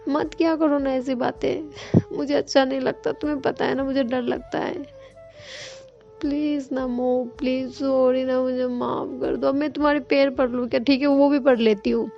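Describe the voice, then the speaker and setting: A woman's voice: high voice, moderate pace, muffled recording, faint music behind, pitched above the performer's own voice. A woman voicing a young woman who pleads and coaxes as an apologetic, affectionate girlfriend. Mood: pleading. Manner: pleading, coaxing.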